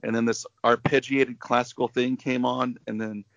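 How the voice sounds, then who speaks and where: A man's voice: mid-range voice, level tone, normal speed, creaky, fairly bright tone, no echo. A middle-aged man talking over a video call as an interview guest, telling stories in an enthusiastic, rambling way. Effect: heard over a video call, connection breaking up. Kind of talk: casual interview. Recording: dull, lo-fi video call audio.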